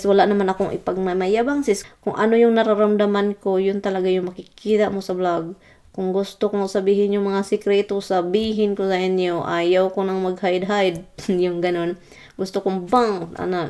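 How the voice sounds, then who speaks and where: A woman's voice: medium pitch, darkish tone, clear, resonant tone. A young woman from the Philippines with a Visayan accent, vlogging casually as she reads viewer comments, chatty, laughing often and mixing languages.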